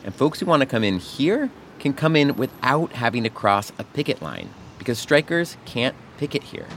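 A man's voice: mid-range voice, huge pitch swings, moderate pace, a bit bright, a little hiss or hum. A man co-hosting a radio show, narrating in a conversational, scripted way. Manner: conversational storytelling.

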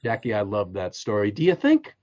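A man telling a story on a podcast as a guest coach, acting out the quotes with lively laughs. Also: on the low side, brisk, highs cut off. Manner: animated storyteller, acts out quotes, frequent laughs.

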